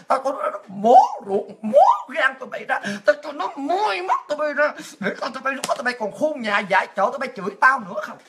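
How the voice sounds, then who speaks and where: A woman from Vietnam, delivering a ranting, mocking monologue as a political commentator, often shouting. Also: sits high. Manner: shouting, mocking, with crude insults and laughs.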